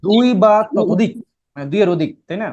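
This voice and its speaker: Talking rapid-fire in a high-pitched, slightly mellow voice, an admission-test English teacher whose first language is Bengali walks his online class through grammar step by step. He has a Bangladeshi accent, makes sure students keep up, and the sound is lo-fi.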